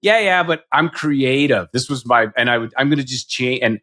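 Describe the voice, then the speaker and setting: A man's voice: mid-range voice, lively intonation, moderate pace, pushed and bright. A man in his fifties hosting an interview, chatty and self-deprecating, asking rambling questions. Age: 50s. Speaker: podcast host. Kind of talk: casual interview.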